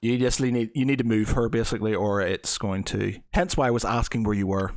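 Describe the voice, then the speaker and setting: A man's voice: fairly low pitch, steady tone, a little fast, no echo. Hesitant male game master, close dry sound. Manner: hesitant, stuttering while thinking. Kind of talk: improvised tabletop game refereeing.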